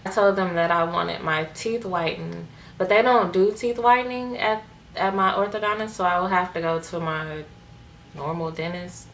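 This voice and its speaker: A woman's voice: lowish voice, fairly even intonation, normal speed, creaky, fairly bright tone. A young woman talking casually to viewers in a vlog, chatty and full of "like" fillers. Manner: chatty, filler-heavy with frequent "like". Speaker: vlogger. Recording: echoey room with faint noise.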